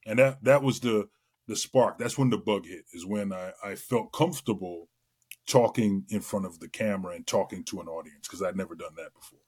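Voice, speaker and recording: A middle-aged man from Trinidad and Tobago, a guest entertainer telling his career story in a lively way, with many fillers. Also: low voice, a little fast, slightly rough. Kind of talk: casual interview chat.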